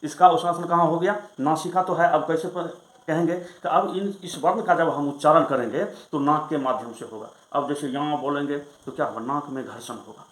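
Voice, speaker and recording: A male Sanskrit grammar teacher explaining rules in a lesson, reciting them slowly and then asking and answering his own questions. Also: fairly high pitch, fairly bright tone, roomy sound, low-quality recording. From Bihar, India.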